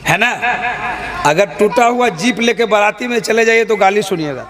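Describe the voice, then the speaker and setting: A male preacher with a notably high voice delivers a sermon at a live gathering. He banters with his listeners, asks them questions and scolds the noisy ones. A large crowd murmurs clearly behind him. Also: animated, moderate pace. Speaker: Islamic preacher.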